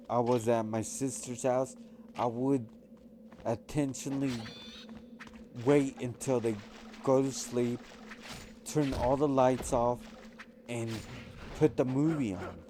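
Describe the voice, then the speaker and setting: A man's voice: mid-range voice, dark tone, slight background noise. A man casually telling rambling personal stories while commenting over gameplay, with lots of fillers and restarts. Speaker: gaming channel host.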